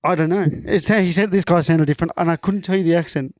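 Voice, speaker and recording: A young Australian man co-hosting a podcast, telling stories in animated, swear-heavy casual chat. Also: fairly high pitch, fast, no echo, clean studio sound. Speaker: podcast co-host.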